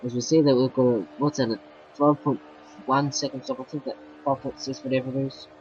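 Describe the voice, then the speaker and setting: Rambling, excitable man commentating a race. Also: medium pitch, a little fast, noisy background. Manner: excitable, rambling, flares into loud frustration. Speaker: racing game commentator. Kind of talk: casual gameplay commentary. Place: bedroom. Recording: muffled lo-fi with faint game music.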